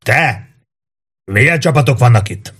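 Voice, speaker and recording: A man voicing a gruff veteran commander who barks scornful orders at exhausted soldiers. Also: medium pitch, animated, a bit bright, pitched above the performer's own voice. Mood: commanding. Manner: barking, scornful.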